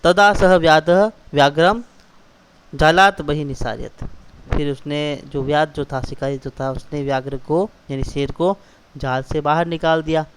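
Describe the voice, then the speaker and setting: A man's voice: on the high side, unhurried, slight background noise. A man teaching a school class, patiently explaining word by word and repeating questions for the students. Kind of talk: classroom lesson explaining a text.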